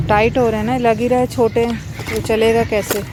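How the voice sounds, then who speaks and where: A Pakistani mother with a Pakistani Urdu accent and a high-pitched voice, narrating a casual vlog from an outdoor city park. She coaxes and gently scolds her children between remarks to the camera. Heavy outdoor noise sits under her voice. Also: little pitch movement, moderate pace. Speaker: mother vlogger. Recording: noisy outdoor park recording.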